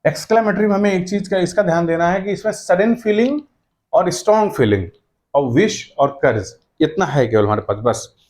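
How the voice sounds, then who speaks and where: Man, grammar teacher, slightly high voice, step-by-step classroom explanations, dictates examples slowly. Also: expressive, a little mellow. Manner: explains step by step, checking with "correct?" and "okay?"; slows down to dictate example sentences word by word. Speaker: English teacher.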